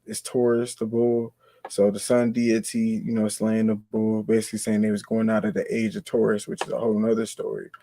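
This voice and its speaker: A man's voice: fairly low pitch, monotone, fairly quick, warm tone, no echo. A man, explaining ideas in a loose, conversational way as co-host of a spiritual talk. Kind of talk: casual spiritual discussion.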